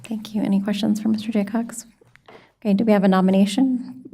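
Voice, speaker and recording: A woman's voice: mid-range voice, steady tone, fairly quick, vocal fry, mellow, breathy edge. A woman chairing a town board meeting, calling items and votes in formal procedural language.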